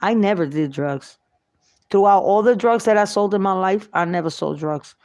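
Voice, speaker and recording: A woman's voice: mid-range voice, normal speed, a little mellow, no room sound. Middle-aged woman telling her story, dry sound. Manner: emotional, repetitive, faith-driven. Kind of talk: personal testimony monologue. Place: New York.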